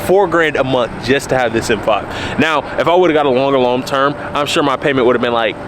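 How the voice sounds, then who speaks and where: A man's voice: medium pitch, brisk. A man, talking candidly to camera about his car outdoors on a cold day, repeating points for emphasis. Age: early 20s. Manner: candid, laid-back, repeats himself for emphasis. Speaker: car vlogger. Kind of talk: casual talk to camera. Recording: outdoor noise behind the voice.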